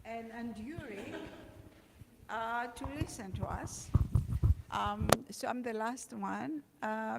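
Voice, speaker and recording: A woman from Greece, speaking as an invited artist in a measured symposium talk full of ums. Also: a little high, vocal fry, background noise. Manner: measured, with frequent ums and uhs. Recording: echoey hall.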